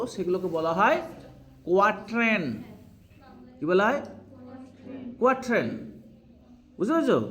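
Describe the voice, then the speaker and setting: Lively male teacher explaining step by step. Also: sits high, slight background noise. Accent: Bengali. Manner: explains step by step, keeps checking understanding. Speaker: English teacher. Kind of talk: classroom lecture.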